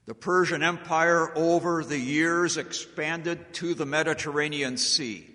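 An American man telling history as a public speaker, deliberate and dramatic, with emphatic pauses. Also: fairly high pitch, fairly even intonation, pushed and bright. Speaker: speaker giving a historical talk to an audience. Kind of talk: public storytelling speech on history. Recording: echoey hall with long reverb.

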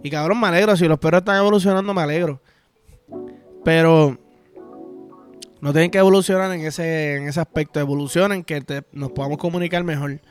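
A high-pitched man with a Puerto Rican accent hosts a podcast. He delivers a crude, rambling, profane comic monologue over faint background music. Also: steady tone, fairly quick. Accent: Puerto Rican Spanish. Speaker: podcast host. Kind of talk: casual comedic podcast monologue.

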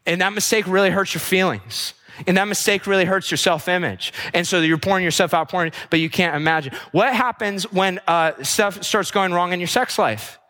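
A man's voice: normal speed, sharp tone. A man preaching a sermon, emphatic and repetitive, asking rhetorical questions and letting his voice sink and fall away at the ends of lists. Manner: drops pitch and trails off at the ends of lists. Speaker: pastor.

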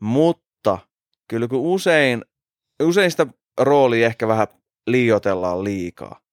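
A man, a fighter, co-hosting a casual podcast, opinionated and relaxed, dropping in English phrases. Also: medium pitch, dry recording, clean studio sound. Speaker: podcast co-host and MMA fighter.

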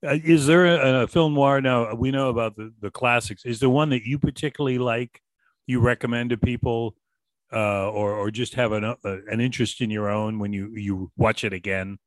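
A man's voice: medium pitch, dry recording. Rambling male interview host, dry sound. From Boston, USA. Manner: rambling, halting questions with many restarts. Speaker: radio host.

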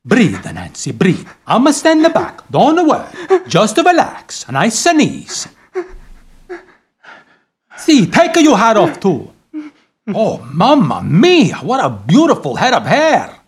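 A man playing a theatrical Italian barber in a comic radio play, heavy Italian accent and broken English. His voice is husky and pitched a bit high, and it swings wildly up and down as he pleads and protests. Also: huge pitch swings, takes it slowly, full character voice. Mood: soothing. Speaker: actor. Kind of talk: comedic audio drama acting.

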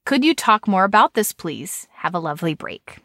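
A woman's voice: mid-range voice, sing-song, moderate pace, a bit bright, no room sound, clean studio sound. A woman co-hosting a podcast, giving casual advice in a reassuring, emphatic way and repeating key phrases. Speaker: podcast co-host reading listener questions and giving advice.

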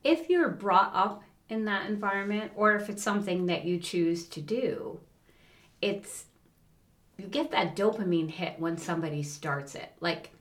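This middle-aged woman, medium-pitched and measured, co-hosts a podcast in an echoey room. Chatting casually, she brings her stories to life by imitating the people involved.

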